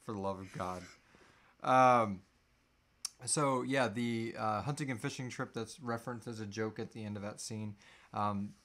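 Sitting on a couch in a small room, a thirtysomething man co-hosting a live Q&A keeps the casual chat playful and full of jokes. He talks unhurriedly in a fairly low, fairly bright voice.

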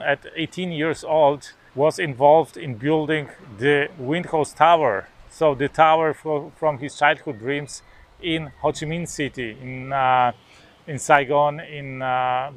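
A Polish man in his forties, a native speaker of Polish, vlogs casually to the camera on a beach lawn outdoors. His pitch is fairly high, and he speaks hesitantly with lots of filler sounds and restarts.

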